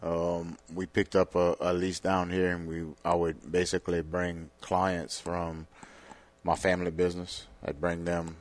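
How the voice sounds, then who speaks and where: A man, a podcast guest talking in a relaxed way, halting with many fillers. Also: sits low. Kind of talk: casual interview talk.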